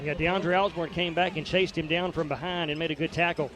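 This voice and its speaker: Higher-voiced male color commentator, folksy and partisan, breaks down plays in detail. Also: steady tone, fairly quick, a bit bright, a little hiss or hum. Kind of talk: radio football color commentary.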